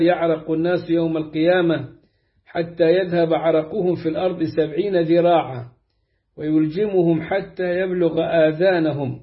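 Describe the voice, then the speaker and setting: Man, high voice, measured hadith reading, slow deliberate delivery, muffled lo-fi recording. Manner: slow, deliberate recitation with drawn-out phrases. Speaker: hadith reader. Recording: dull lo-fi recording.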